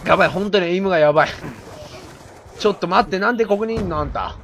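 A man doing game commentary while he plays, barking orders like a mock commander and shouting in rough slang. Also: high voice, fast talker, slight background noise. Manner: loud, theatrical, bossy mock-commander banter. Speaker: gaming commentator.

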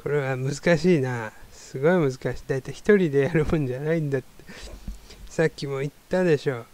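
A man with a clean, resonant voice that sits a little high chats alone. He rambles, thinks aloud and mutters, and now and then drops into soft asides as if nobody else were listening. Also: fast talker. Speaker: solo talker. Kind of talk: casual solo monologue.

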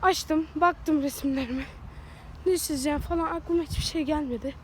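A high-voiced young woman vlogs outdoors on a phone held at arm's length, her voice thick and stuffy from a cold. She rambles in a chatty, self-mocking way. Faint street sound sits behind her. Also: moderate pace, darkish tone, a little hiss or hum. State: congested and sore-throated from a cold. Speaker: vlogger. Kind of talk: casual walking vlog.

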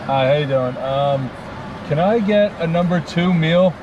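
A man's voice: a little high, unhurried, muffled recording. A man in a car placing a food order at a drive-through speaker, polite and easygoing with a lot of "uh" and "um". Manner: easygoing, polite, with fillers and hesitations. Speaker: hunting vlogger. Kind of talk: casual chat on a road trip. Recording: distant mic with loud car noise.

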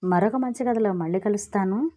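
A woman narrates a scripted comic story with a light, playful touch. Her voice is mellow and warm-toned, sitting at a middle pitch for a woman. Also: moderate pace.

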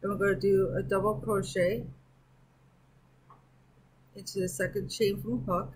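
A woman reviewing yarn on her crochet channel, talking in an unhurried, easy way. Her voice is a little husky, and she thinks aloud as she works, counting stitches under her breath. It is a relaxed home crafting chat. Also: mid-range voice, rough recording. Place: at home with an air conditioner running.

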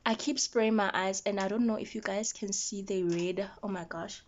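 A young adult woman vlogging at home while doing her makeup, retelling a story with quoted dialogue in an animated, indignant way. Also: mid-range voice, moderate pace, dull audio, slight background noise. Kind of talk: get-ready-with-me storytelling.

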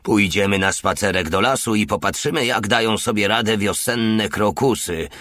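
A man's voice: on the low side, moderate pace, fairly bright tone, no echo, clean studio sound, natural voice. A man voicing a brutal, drunken male military police sergeant who speaks in a coarse, mocking way in an audiobook. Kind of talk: audiobook narration.

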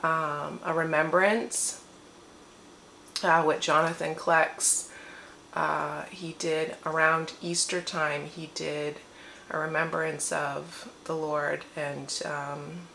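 A woman's voice: low-pitched, gravelly, sharp tone, a little hiss or hum. A woman vlogging a rambling personal testimony at home in her morning voice. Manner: long-winded, rambling. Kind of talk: casual personal testimony to camera. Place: her living room at home. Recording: roomy echo with faint ambience.

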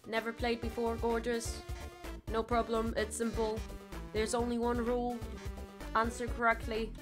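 A woman putting on the voice of a booming, showy male robot hosting a deadly quiz show, drawing out each line in a slow announcer style. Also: monotone, music in the background, natural voice. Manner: slow, drawn-out announcer delivery. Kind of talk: gameplay voice-acting.

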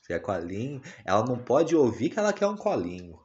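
A man filming a casual family vlog, talking gently and dotingly to his baby daughter. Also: mid-range voice, big pitch swings, fairly quick, lo-fi sound.

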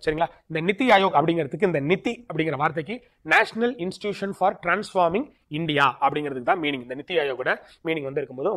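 A man teaching a recorded exam-prep lesson over slides. He often checks in with "okay?" and reads English terms out slowly. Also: a little high, fairly bright tone. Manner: tags lines with a checking "okay?", mixes English terms into his explanations.

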